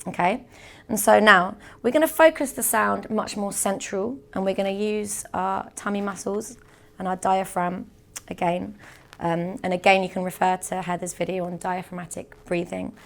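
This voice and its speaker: Young woman, beatbox tutor, gravelly edge, middle pitch, patient explainer. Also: fairly even intonation, moderate pace, fairly bright tone. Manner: patient, step-by-step demonstrating. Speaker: beatbox instructor.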